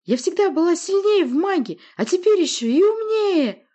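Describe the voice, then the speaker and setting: A woman's voice: extremely high pitch, big pitch swings, normal speed, dark tone, pitched above the performer's own voice. A woman voicing a mad young witch in an audiobook, with a piercing, squealing voice, shrieking orders and insults. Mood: shrieking, frenzied. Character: shrill mad young witch, screeching and cruel. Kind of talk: audiobook character voice.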